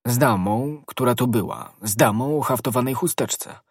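A man voicing a bold, knowing young guardsman who speaks briskly and gives orders, in a husky voice. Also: medium pitch, very animated, no echo, studio quality, pitched above the performer's own voice, full character voice.

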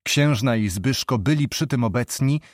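A man narrating a historical novel in a measured, steady storytelling voice. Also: mid-range voice, dry recording. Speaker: audiobook narrator. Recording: dry close studio sound.

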